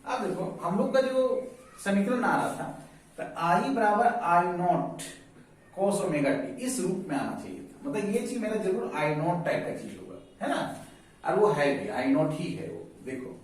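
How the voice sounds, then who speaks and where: A man's voice: high-pitched, very animated, unhurried, a little hiss or hum. A man teaching physics, repeating key terms and quizzing his students. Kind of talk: whiteboard lecture. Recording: echoey room, voice from far off.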